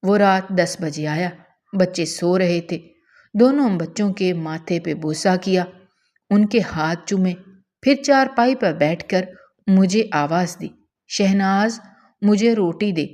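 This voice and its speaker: A woman's voice: lowish voice, darkish tone. A woman telling an emotional first-person story about her own household, in a dramatic, tearful way. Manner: dramatic, tearful delivery of a domestic tale.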